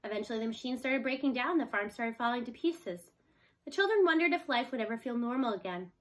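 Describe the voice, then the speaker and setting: Reading a children's book to young listeners, a woman narrates the scripted tale in a fairly high voice. She's expressive and moves at a quick pace.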